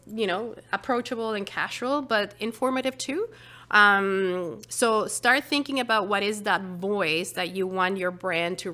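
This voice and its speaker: A woman's voice: medium pitch, sharp tone. A woman whose first language is not English, leading a casual business workshop in a chatty way with many fillers. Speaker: workshop facilitator.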